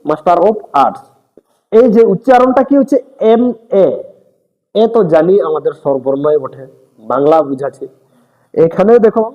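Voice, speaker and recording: Male teacher, high lively voice, checks with students, long echo. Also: highs cut off. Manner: speaks directly to students, mixing in English terms. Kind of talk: classroom grammar lesson. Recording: echoey room with long reverb.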